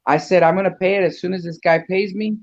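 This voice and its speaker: A man's voice: sits high, steady tone, fast talker, no echo, muffled recording. A man casually telling a long story on a talk show, mixing in a few Spanish words and acting out what other people said. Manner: rambling, acts out the people in his stories, drops Spanish words. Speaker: guest, custom truck builder.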